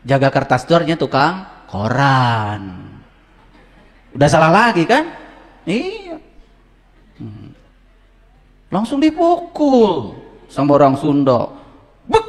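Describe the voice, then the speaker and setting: A male preacher giving a humorous sermon, joking and quizzing his audience with questions. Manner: lively, rising to high emphatic pitch. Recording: long hall reverb.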